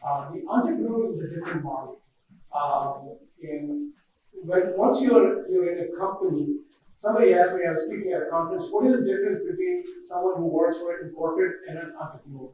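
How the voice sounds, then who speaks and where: A man's voice: sits high, lively intonation, brisk. A middle-aged man answering on a conference panel, reflective and anecdotal. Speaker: panelist, entrepreneur. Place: large conference hall. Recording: echoey hall, distant dull mic.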